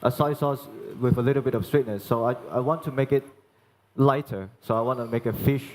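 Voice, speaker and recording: A young man from Hong Kong, working as a chef, giving a live cooking demonstration and explaining each step in a halting way with many restarts. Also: mid-range voice, a little mellow, a little hiss or hum. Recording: long reverb in a large hall.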